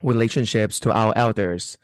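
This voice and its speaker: A man from China whose first language is Mandarin, co-hosting a casual podcast and explaining ideas in a measured, step-by-step way. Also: lowish voice, no echo, studio quality. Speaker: podcast co-host. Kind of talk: casual conversational podcast chat.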